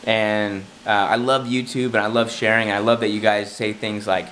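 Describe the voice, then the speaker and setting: A man with a raspy, hoarse voice from a cold, chatting casually and rambling a bit in a self-deprecating, jokey way to his vlog camera. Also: fairly low pitch, level tone, normal speed, fairly bright tone, slight background noise, low-quality recording. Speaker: vlogger.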